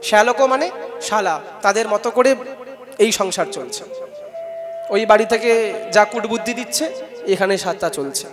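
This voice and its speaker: A man with a Bengali accent giving a devotional scripture discourse, chanting Sanskrit verses loudly and then explaining them conversationally while urging the audience to respond. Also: sits high, moderate pace, long pauses, in a large hall, music in the background. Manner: urges the audience to call out responses. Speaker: Bhagavat katha preacher. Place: large festival gathering hall.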